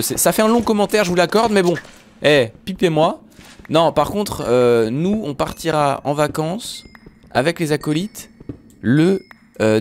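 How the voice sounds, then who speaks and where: A man giving casual, jokey commentary over Minecraft play, talking straight to his viewers. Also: fairly high pitch. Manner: yelps when startled. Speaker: Minecraft YouTuber.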